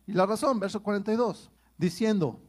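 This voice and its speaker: A man's voice: high-pitched, a little fast. A man preaches to his congregation. His delivery is conversational, and he keeps checking in with his listeners as he reads and explains the scripture. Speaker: pastor. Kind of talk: sermon.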